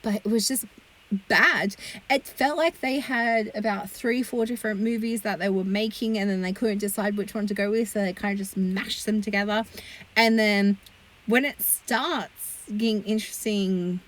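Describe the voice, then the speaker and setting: A woman's voice: mid-range voice, fairly even intonation, moderate pace, low-quality recording. A woman reviewing movies in a casual, blunt rant, exasperated and swearing freely. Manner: chatty with frequent fillers.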